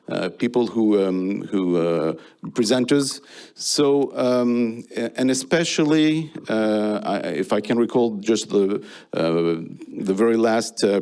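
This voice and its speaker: A man's voice: lowish voice, a little mellow, smooth. A man moderating a round-table panel, asking long questions in a hesitant way, full of fillers and restarts.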